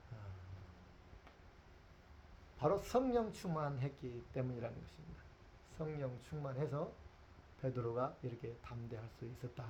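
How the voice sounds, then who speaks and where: A man's voice: medium pitch, expressive, normal speed, long pauses, a little mellow, a little hiss or hum. A man preaching a sermon as pastor. He tells the scene like a story, acts out the characters and asks the congregation questions.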